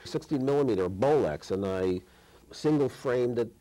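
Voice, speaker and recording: A man's voice: medium pitch, animated, moderate pace, warm tone, rough recording. A man in his fifties from Chicago, a guest filmmaker in a studio interview, speaking thoughtfully with frequent restarts and trailing phrases. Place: TV studio set.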